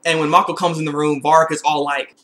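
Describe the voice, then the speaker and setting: Speaking a little high and fast, a man offers his casual take on an episode, full of opinions. His excitable delivery rambles and keeps repeating words.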